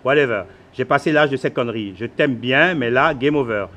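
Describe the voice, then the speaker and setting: An actor playing a boastful, hurried Beninese husband with a Beninese French accent who drops English words into his French. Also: mid-range voice, a bit bright, highs cut off, lightly acted. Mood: irritated. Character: flashy busy Beninese husband, phone-obsessed, self-assured. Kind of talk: theatrical monologue.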